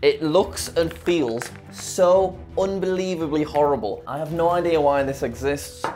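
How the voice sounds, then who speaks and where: A vlog presenter reacts out loud to eating sour candy over background music. The voice is mid-pitched, chatty and exclamatory, with a giggly streak and plenty of dramatic complaint. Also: measured pace. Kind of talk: casual reaction vlog chat.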